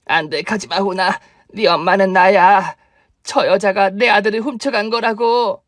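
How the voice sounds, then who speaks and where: Woman doing a crazed sister-in-law in a radio play, shrill, screams and begs, dry close voice. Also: fairly even intonation, normal speed, no room sound, natural voice. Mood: possessive. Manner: shrill, pleading and cursing by turns. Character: scheming unhinged young sister-in-law woman. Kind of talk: Korean radio drama acting.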